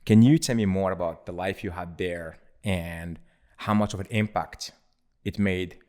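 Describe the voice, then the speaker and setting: A man with a very low voice, co-hosting a casual podcast interview. He asks questions in a friendly, inquisitive way. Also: measured pace, darkish tone. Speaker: podcast co-host.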